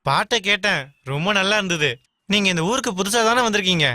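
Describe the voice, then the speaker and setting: A man's voice: high-pitched, expressive, fast talker, bright, forceful tone, exaggerated voice. A man dubbing a chatty, lovestruck young man who rambles eagerly. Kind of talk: Tamil film dub. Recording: film soundtrack with faint music.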